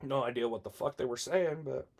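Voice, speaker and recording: A man's voice: mid-range voice, a little fast. A man co-hosting a casual podcast, telling stories loosely with lots of cursing and laughter. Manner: loose storytelling, heavy cursing, laughs mid-story. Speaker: podcast co-host. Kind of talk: casual chat.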